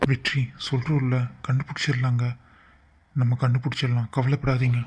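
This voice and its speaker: A man voices a level-headed friend in a cartoon drama who takes charge and reassures everyone around him. His voice sits at a middle pitch and moves in a flat, even line. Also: normal speed, slightly rough, natural voice. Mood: reassuring. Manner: reassuring and practical. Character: steady male friend calming a grieving family.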